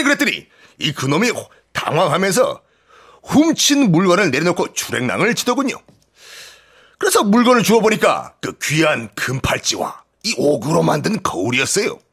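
A man's voice: high voice, fairly bright tone, husky, heavily acted. An actor playing a sly, scheming male servant in a radio drama reading, wheedling and theatrical. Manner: cunning, fawning, theatrical pleading.

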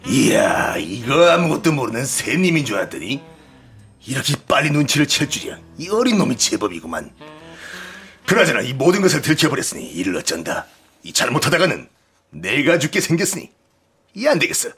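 A man's voice: medium pitch, sing-song, brisk, fairly bright tone, faint music behind. An actor playing a sly, scheming male servant in a radio drama reading, wheedling and theatrical. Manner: cunning, fawning, theatrical pleading.

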